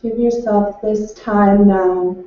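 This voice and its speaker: A woman leading a guided meditation, speaking in slow, soothing, unhurried instructions from far off in an echoing room. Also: mid-range voice, fairly even intonation, warm tone. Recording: distant, echoey and dull.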